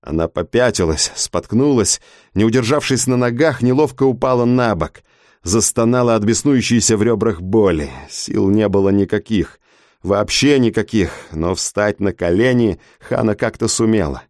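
A man's voice: on the low side, moderate pace, a little mellow, no room sound, clean studio sound. A man giving tense, vivid dramatic audiobook narration.

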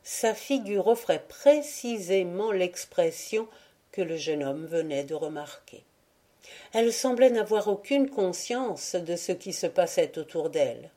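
Audiobook narrator: woman, low mellow voice, measured storytelling pace. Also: expressive. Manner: measured storytelling, voicing characters lightly. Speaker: audiobook reader. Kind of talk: scripted narration of a classic tale.

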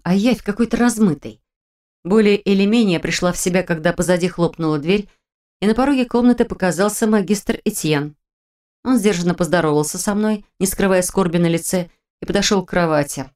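A woman's voice: fairly low pitch, a little mellow. Woman narrating a fantasy audiobook.

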